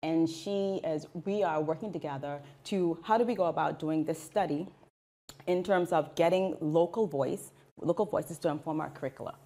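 Woman, 40s, researcher, TV studio guest, animated, low warm voice. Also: normal speed. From Bahamas. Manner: animated, gestures while talking, acts out quoted voices. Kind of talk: television interview. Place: small indoor TV studio.

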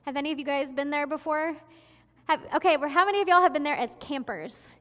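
A young woman with a high, bright voice preaches a friendly, conversational sermon, chatty and earnest, circling back to restart her sentences. Her voice carries a long reverb off the walls of a large sanctuary. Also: quick pace. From Florida. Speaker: pastor. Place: large church sanctuary, at a pulpit. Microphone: headset mic.

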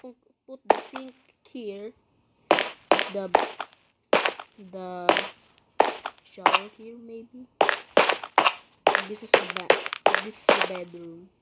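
A woman casually commentating her gameplay on a home computer mic, speaking in a halting way and often restarting her sentences. She talks at an extremely slow, unhurried pace. Loud steady noise and clicking sit under her voice throughout. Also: medium pitch. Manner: halting, with many restarts and simple phrasing. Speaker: gaming channel host.

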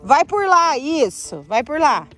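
A woman casually directing a prank in a home video, with quick, chatty instructions. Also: sits high, sing-song, a bit bright. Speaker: prank accomplice in a vlog. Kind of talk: casual vlog chat.

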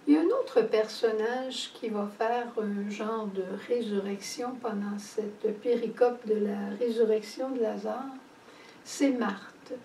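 A woman preaches a homily at a slow, measured pace, pausing often. Her voice is fairly high and mellow. She is recorded from some distance in an echoey chapel. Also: a little hiss or hum. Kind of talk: spoken homily on scripture.

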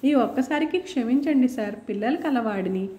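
A woman's voice: a little high, expressive, normal speed, mellow, reverberant, muffled recording, natural voice. A woman voicing a frightened male watchman who pleads, close to tears, in a storybook reading. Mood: fearful pleading. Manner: fearful, near tears.

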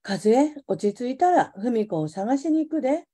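A woman voicing a grieving middle-aged father in Hiroshima dialect, gruff and protective. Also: a little high, big pitch swings, moderate pace, dark tone. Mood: grim.

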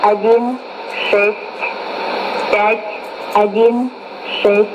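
A woman reading out numbers in a flat, mechanical way, heard as a shortwave radio broadcast. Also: mid-range voice. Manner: flat, slow, mechanical counting. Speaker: numbers station announcer. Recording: muffled shortwave reception under loud static.

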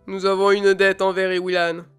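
A woman voicing a calm, loyal young male warrior who speaks steadily. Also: mid-range voice, normal speed, clean tone, faint music behind, pitched below the performer's own voice, natural voice.

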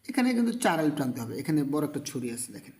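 A man's voice: on the high side, big pitch swings, racing, darkish tone, slight background noise. A man teaching Quran reading, patiently spelling out each letter and vowel and then chanting the words melodically. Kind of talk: spelling out Quran recitation lesson.

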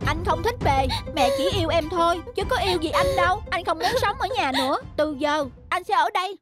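A stubborn young cat from a children's cartoon, voiced by a woman in a very high voice. He sounds sulky and defiant, with a lively, bouncing tone. A children's tune plays behind him. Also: a little fast. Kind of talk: cartoon voice acting. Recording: children's music bed behind.

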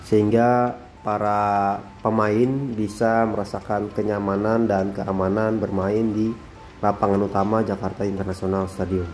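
A man narrating his drone footage as a voice-over, calm and unhurried, often tagging sentences with a soft "ya". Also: on the low side, faint music behind. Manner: calm, repeats phrases, frequent tag "ya". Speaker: drone vlogger.

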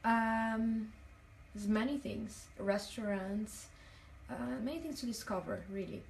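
Her fairly high voice is slow, creaky and a little mellow, with slight background noise. She's a young woman from Italian-speaking Switzerland, Italian her first language, chatting on a livestream from a hotel bathroom floor and reading comments aloud with plenty of fillers. She holds the phone at arm's length facing a mirror, its distant mic catching the echo of the tiles.

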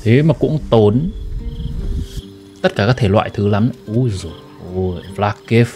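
A man's voice: on the low side, lively intonation, moderate pace, a little mellow, faint music behind. A man with a Vietnamese accent, a gaming streamer giving casual playthrough commentary.

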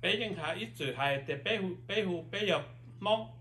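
A man's voice: high-pitched, extremely slow, fairly bright tone. A man interviewing an elder in casual conversation, giving short prompts and brief agreements.

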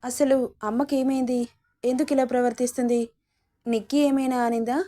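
A caring young husband, read by a woman narrator, speaks patiently with a teasing edge. The voice stays mellow and fairly high, in a storybook reading. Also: fairly even intonation, moderate pace, close to an everyday voice.

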